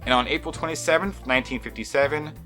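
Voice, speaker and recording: A man's voice: mid-range voice, quick pace. A man reading scripted retrospective narration in a formal, emphatic manner with a wry edge. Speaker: documentary narrator. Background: faint music.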